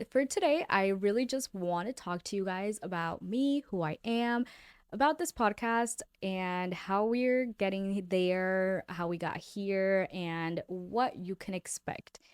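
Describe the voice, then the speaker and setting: A young woman from Honduras hosting her faith podcast, chatting directly and warmly with her listeners. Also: medium pitch, smooth, no room sound, clean studio sound. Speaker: podcast host. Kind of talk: casual faith podcast monologue.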